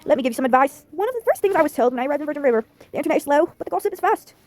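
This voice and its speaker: A woman's voice: high-pitched, lively intonation, very fast, darkish tone. A woman voicing a friendly, chatty small-town woman in a story game, reading her lines upbeat and confiding.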